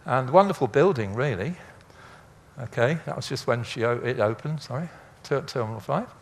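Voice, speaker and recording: A former air traffic controller, an older man, gives an informal illustrated lecture that's chatty, rambling, and anecdotal, with dry humour. His mid-range voice is animated and moves at a moderate pace.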